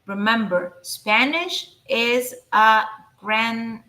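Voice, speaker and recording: Slow-talking woman teaching, bright echoey sound. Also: on the high side. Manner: explains slowly with many fillers and restarts. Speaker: Spanish teacher. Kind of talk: online language lesson. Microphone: computer microphone.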